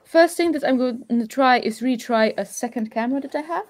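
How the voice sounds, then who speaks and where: A woman's voice: high-pitched, a little fast. A woman presenting a live online science demonstration, explaining step by step with frequent fillers, recorded on a camera mic indoors. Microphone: webcam or phone camera mic.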